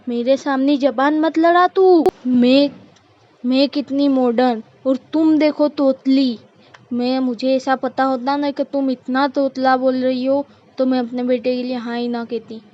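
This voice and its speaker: A woman playing a bossy cartoon mother-in-law who nags and orders in a high, sharp voice. She talks slowly, drawing out every command. The recording sounds dull and lo-fi. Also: fairly even intonation. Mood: scolding. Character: bossy scolding middle-aged mother-in-law. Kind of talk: cartoon voice acting.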